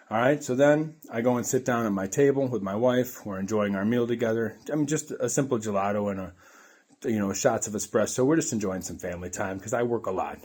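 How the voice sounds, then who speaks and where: Earnest low-voiced man telling a story. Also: darkish tone, husky. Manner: rambling, earnest, repeats phrases. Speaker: vlogger. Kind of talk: casual storytelling to camera.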